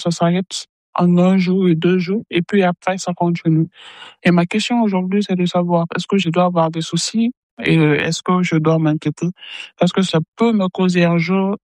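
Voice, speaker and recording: A woman in her twenties leaving a recorded question, her voice electronically disguised for anonymity, speaking hesitantly with pauses. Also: lowish voice, a little mellow, dry recording. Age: 20s. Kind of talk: recorded voice message.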